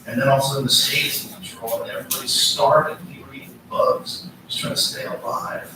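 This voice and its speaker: A man's voice: medium pitch, fairly even intonation, quick pace, heavy reverb, distant mic, noisy background. A man hosting a casual podcast chat, ranting emphatically and swearing often. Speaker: podcast host.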